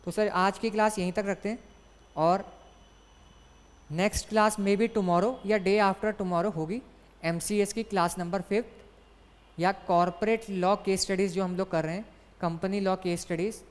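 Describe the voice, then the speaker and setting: A woman's voice: medium pitch, fairly even intonation, unhurried. A woman teaching an online exam class, explaining step by step and asking and answering her own questions. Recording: long hall reverb.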